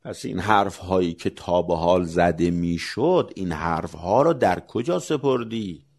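A man giving a religious talk, piling up rhetorical questions and building to forceful emphasis. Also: low-pitched, lively intonation, gravelly. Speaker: preacher.

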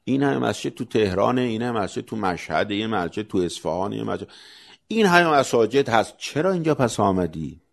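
A man giving a religious talk, piling up rhetorical questions and building to forceful emphasis. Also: fairly low pitch, big pitch swings, vocal fry. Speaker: preacher.

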